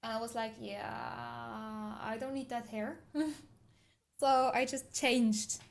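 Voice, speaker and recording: Reading viewers' comments aloud during a relaxed livestream, a woman from Switzerland wanders through rambling anecdotes and laughs often. She speaks slowly in a fairly high, expressive voice.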